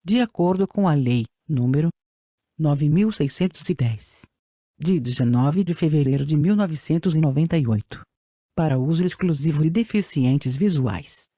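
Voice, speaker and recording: A synthesized male text-to-speech voice with a Brazilian accent, on the high side and at normal speed, reads scripted reference material as an audiobook narrator. The delivery is mechanical and flat like a screen reader, even reading punctuation aloud. The sound is clean studio audio with no echo.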